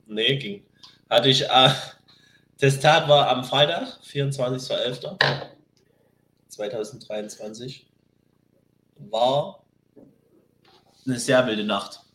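A man's voice: medium pitch, slow, pauses often, a bit bright, reverberant. A young man telling a rambling story in casual slang as a podcast co-host. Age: young adult. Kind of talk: casual chat.

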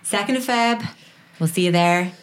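Excitable south Dublin woman podcaster. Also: on the low side, moderate pace. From Dublin, Ireland. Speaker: podcast co-host. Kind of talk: casual podcast chat.

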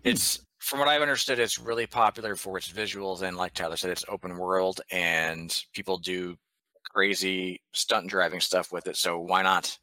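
A man co-hosting a casual gaming podcast, speaking in a measured, matter-of-fact way. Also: low-pitched, fairly even intonation, pushed and bright, dry recording, rough recording. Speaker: podcast co-host. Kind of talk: casual chat.

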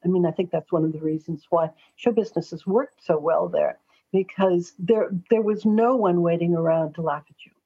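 An American astrologer and columnist from Los Angeles, a woman in middle age or older, appears as a forthright, chatty interview guest telling anecdotes conversationally. Her voice is fairly low, warm and a little breathy, at a moderate pace, in slightly dull, lo-fi audio.

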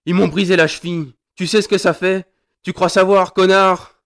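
A man's voice: fairly high pitch, unhurried. An actor playing a grieving, vengeful sergeant who snarls, taunts and swears at his captive. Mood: raging. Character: grieving vengeful male sergeant, furious, crude. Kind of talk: audio drama acting.

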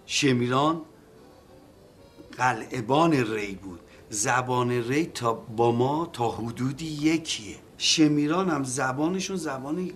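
A man explaining local history in a documentary interview, reminiscing and pausing with fillers. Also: medium pitch, a bit bright, faint music behind.

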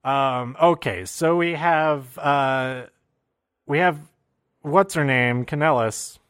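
A man casually recapping wrestling shows, excitable and rambling, with many fillers and restarts. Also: medium pitch, takes it slowly, clear, resonant tone, dry recording, clean studio sound.

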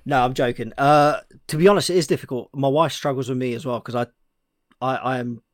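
A man's voice: mid-range voice, a little fast. A man co-hosting a podcast in casual chat, blunt and jokey, swearing freely. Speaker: podcast co-host.

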